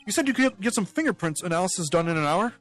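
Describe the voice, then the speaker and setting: A man's voice: sits high, expressive, fast, fairly bright tone, soft background music. A man playing an earnest young lawyer. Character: young male defense lawyer, earnest and nervous. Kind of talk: voiced game playthrough.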